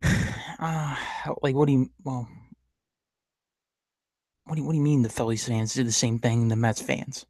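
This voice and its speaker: A man's voice: mid-range voice, measured pace, long pauses, a little mellow, no echo. A man hosting a casual podcast, rambling and stammering as he rants about sports rivals. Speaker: podcast host. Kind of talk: casual live-stream chat.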